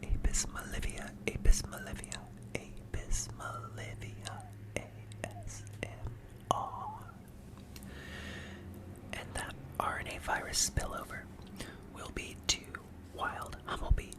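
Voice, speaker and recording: Hoarse young man whispering ASMR, gravelly. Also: medium pitch. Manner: slowly repeats words softly as triggers. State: hoarse throat. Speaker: ASMR channel host. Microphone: close microphone at a desk.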